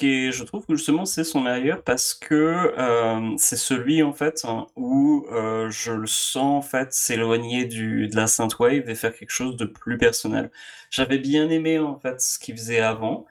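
A man's voice: mid-range voice, moderate pace. A man co-hosting a podcast, talking casually about music with frequent hesitations and repeated words. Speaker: podcast co-host.

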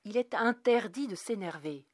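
A woman voicing a strict father at the family table in a read story, commanding and rising to shouts. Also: medium pitch, expressive, normal speed, no echo, clean studio sound, lightly acted. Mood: stern, shouting.

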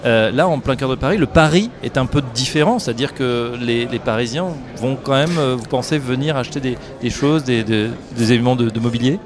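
A man's voice: medium pitch, fairly quick, few pauses, over music. A man interviewing a guest at a trade show in a conversational way, rephrasing and summing up. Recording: busy trade-show crowd behind. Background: crowd chatter of a trade fair.

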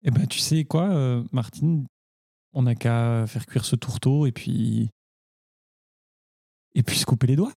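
A woman's voice: very deep voice, a little slow, gravelly, pauses often, mellow, no echo, clean studio sound, heavily acted. A woman doing a clumsy Québécois-accented friend. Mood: wistful. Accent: put-on Québécois. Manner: hesitant, stammering. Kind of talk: improv scene.

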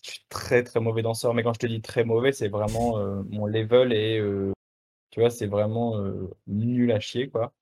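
With a fairly low-pitched voice and a moderate pace, a young musician in his adult years is interviewed casually as a guest. He talks in a relaxed, slang-heavy way, often restarting and using fillers.

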